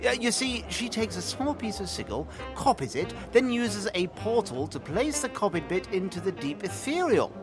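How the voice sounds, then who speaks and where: With music playing underneath, a man acts in an audio drama as a nervous, bookish records clerk, speaking formally and apologetically with a fussy stammer. His high voice swings widely in pitch at a moderate pace, with hardly any pauses, and the mood is scholarly.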